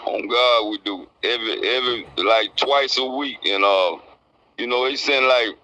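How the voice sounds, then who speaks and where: With the highs cut off, the recording catches a forceful, bright, medium-pitched voice moving at a moderate pace. It belongs to a sixty-something inmate from Southern Alabama who answers an interviewer's questions in a plain, colloquial way as he recounts what he's been through.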